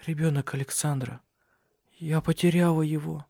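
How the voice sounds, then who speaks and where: Brief: male reader voicing a fragile young noblewoman, hushed and breathy, pitched up and quiet, close dry read. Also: fairly even intonation, normal speed, no room sound. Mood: weak, whispering. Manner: faint, breathy, pleading.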